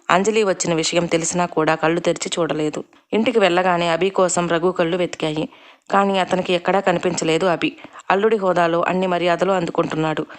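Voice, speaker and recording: A woman narrating a family serial story in a calm, measured reading style. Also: lowish voice.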